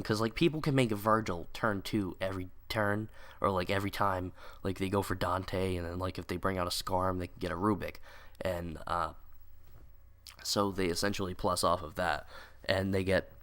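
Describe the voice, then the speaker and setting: Low-pitched and a little bright, a young card game video creator's voice sounds congested from a cold. He rambles casually, filling gaps with "like" and "um."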